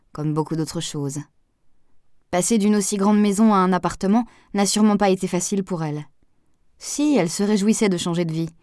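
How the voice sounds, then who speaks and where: A woman's voice: lowish voice, darkish tone, no room sound, studio quality, natural voice. A woman reading a sensible reflective woman doctor.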